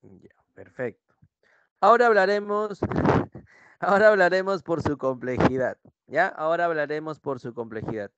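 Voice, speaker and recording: Male Peruvian Spanish teacher, young adult, slightly high voice, dry close sound, repeats points and asks "right?" often. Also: moderate pace, fairly bright tone, clean tone, no echo, lo-fi sound. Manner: repetitive, checks in with students using "¿sí?". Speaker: pre-university language teacher. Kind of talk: online class lecture.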